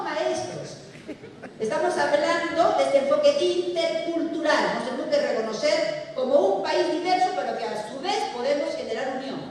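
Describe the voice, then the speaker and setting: Recorded from a distance in an echoey, large lecture hall with a little background noise, a middle-aged Peruvian woman addresses teachers. She has a high, darkish voice and a Peruvian Spanish accent, and she frequently asks questions only to answer them herself.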